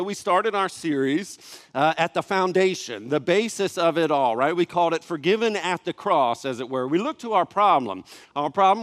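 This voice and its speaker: A man in his thirties preaching a sermon, telling a family story in a relaxed, conversational way with asides to the congregation. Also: fairly high pitch. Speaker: pastor. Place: church sanctuary. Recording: long church hall reverb.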